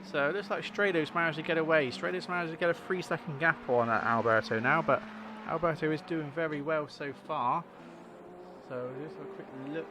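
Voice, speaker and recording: Higher-pitched male motorsport commentator over engine noise. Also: brisk. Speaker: livestream host and motorsport commentator. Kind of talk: casual live sim racing commentary. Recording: clear engine noise behind voice.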